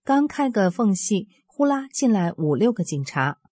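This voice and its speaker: A woman in her fifties reading aloud a personal account in an earnest, steady storytelling way. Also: medium pitch, normal speed, husky, no room sound. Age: 50s. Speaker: religious practitioner sharing a testimony.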